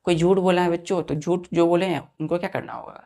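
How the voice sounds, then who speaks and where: A woman teaching a vocabulary lesson, spelling words out letter by letter and often asking the students if it is clear. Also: lowish voice, steady tone, quick pace, dark tone.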